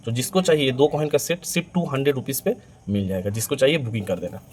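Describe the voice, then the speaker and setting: A man's voice: mid-range voice, fast, a little mellow. A man presenting items for sale in an eager, repetitive teleshopping-style hard sell. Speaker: online coin seller presenting stock. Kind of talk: sales pitch to camera for video viewers. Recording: clearly noisy amateur recording with ambient sound.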